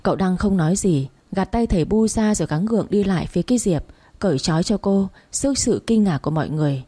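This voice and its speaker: A woman narrating a story in a steady, even way. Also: mid-range voice, quick pace.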